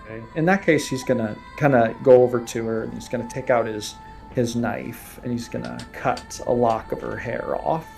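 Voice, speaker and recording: A man's voice: mid-range voice, steady tone, normal speed, creaky, darkish tone, faint music behind. A man playing a tabletop game, talking casually and describing his character's actions in an informal way.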